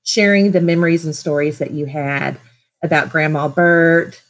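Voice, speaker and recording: A woman's voice: low voice, fairly even intonation, moderate pace. A woman in her fifties hosting a podcast, chatting conversationally through introductions and interview questions. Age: 50s. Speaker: podcast host.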